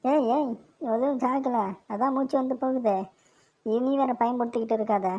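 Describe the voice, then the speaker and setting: A woman's voice: sits high, fairly even intonation, normal speed, warm tone, a little hiss or hum, natural voice. A woman voicing a gossipy middle-aged neighbor in a cartoon, chatty and bossy. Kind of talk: cartoon voice acting. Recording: dull lo-fi recording.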